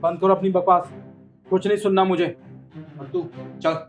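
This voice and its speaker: A man's voice: high-pitched, level tone, normal speed, muffled recording, soft background music, lightly acted. A man playing an outraged betrayed husband. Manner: accusing, indignant. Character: husband Nikhil, confronting a cheating wife. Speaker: actor in a short film. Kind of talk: melodramatic short-film acting.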